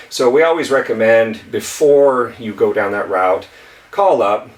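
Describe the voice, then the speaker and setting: A male lawyer giving a casual explainer at a whiteboard, talking plainly with fillers and repeating himself. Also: lowish voice. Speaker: intellectual property lawyer. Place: office room with a whiteboard. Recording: echoey room, mic at a distance.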